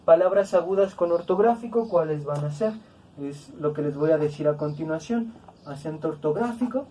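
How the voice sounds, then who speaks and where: A woman teaching a grammar lesson, speaking slowly and deliberately, repeating words to stress each syllable. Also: sits low, animated, warm tone, a little hiss or hum. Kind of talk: classroom-style grammar lesson.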